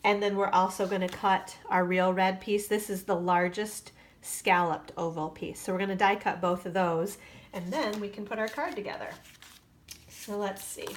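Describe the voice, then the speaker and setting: In this casual craft tutorial, a woman with a mid-range voice chats from her worktable, dropping fillers and asides along the way. Her allergies make her sound nasal and stuffed up, and there's background noise in the recording.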